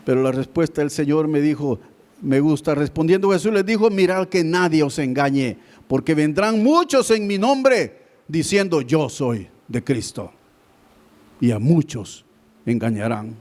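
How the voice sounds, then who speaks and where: Pastor, man, fairly high voice, preaching with a lot of direct address to the congregation, loud peaks dropping to quiet asides. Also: lively intonation, normal speed. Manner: keeps addressing listeners as brother, swings between loud and hushed. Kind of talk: sermon.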